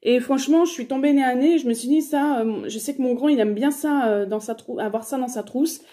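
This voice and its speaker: A woman in her thirties talks her viewers through a shopping haul in a chatty, halting way, often pausing on fillers. Her voice sits a little high but sounds warm and mellow rather than bright. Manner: chatty, hesitant, many fillers. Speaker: haul vlogger. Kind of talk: casual shopping haul chat.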